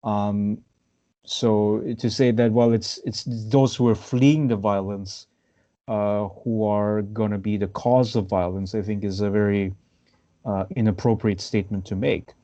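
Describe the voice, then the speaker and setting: Over a video call, a man from Austria hosts a laid-back podcast about politics in a low-leaning, mellow, dark voice that stays steady and unhurried. Fillers, hesitations and restarted sentences run throughout, captured on dull, lo-fi audio.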